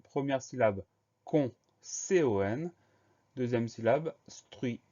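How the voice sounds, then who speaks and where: A man's voice: medium pitch, lively intonation, slow pace, dark tone, dull audio. A male primary school teacher giving a spelling lesson for children, patiently spelling out each word letter by letter.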